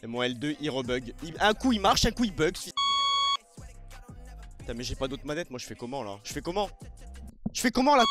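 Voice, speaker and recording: Young French gamer, high lively voice, shouty and sulky by turns, faint music under it. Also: male voice. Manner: swings between shouting outbursts and muttered grumbling, with sing-song taunts. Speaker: gaming streamer. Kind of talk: raging gameplay commentary.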